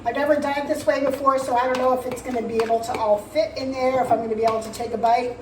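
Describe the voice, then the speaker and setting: A woman with a slightly high voice talks casually in her kitchen, rambling a little and filling pauses with ums. There is a faint hiss behind her. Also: fairly even intonation. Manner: chatty, loose with frequent ums. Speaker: vlogger. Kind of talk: casual home vlog. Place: home kitchen.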